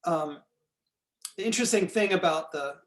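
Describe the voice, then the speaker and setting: A man in a recorded lecture walks through features on a map, his voice giving out so that he keeps clearing his throat and apologizing. He speaks at a moderate pace in a high voice.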